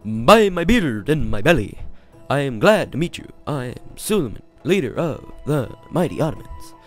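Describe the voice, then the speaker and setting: A man voicing a big, boastful male sultan, speaking slowly in a pompous, booming way over game music. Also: big pitch swings, natural voice. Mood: grand. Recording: game music playing behind.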